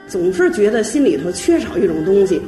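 A middle-aged woman giving a lively personal testimony, chuckling as she tells it. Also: mid-range voice, brisk, roomy sound, faint music behind. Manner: lively storytelling, chuckling often.

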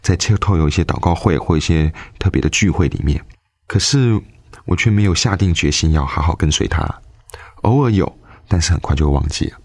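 A man's voice: deep voice, fairly quick, darkish tone, no echo, clean studio sound. A young man telling his faith testimony in an earnest, emotional way.

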